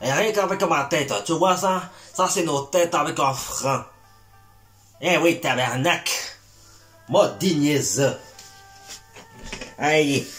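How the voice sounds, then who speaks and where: A man's voice: medium pitch, a bit bright. A man playing a boastful self-styled martial arts master in a comedy sketch, with a put-on Québécois French accent and a worn-out voice. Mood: mock-solemn. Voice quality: swaggering, insulting, mock-solemn.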